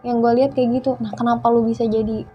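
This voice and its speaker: A young woman, a guest in casual conversation who tells her story lively and acts out the dialogue. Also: a little high, fast, muffled recording, faint music behind.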